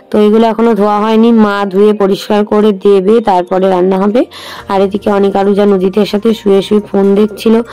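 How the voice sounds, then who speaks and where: A woman with a Bengali accent, a mother of twins, chatting casually about family life at home, her voice a little hoarse. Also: mid-range voice, dark tone, low-quality recording. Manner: chatty, narrating daily life to viewers. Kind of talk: casual family vlog chat. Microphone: handheld phone camera.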